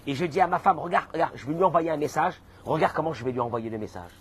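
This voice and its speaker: A man, a rabbi, giving a lively sermon that talks straight to his listeners and mixes in Hebrew terms. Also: a little high, quick pace. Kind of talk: animated sermon.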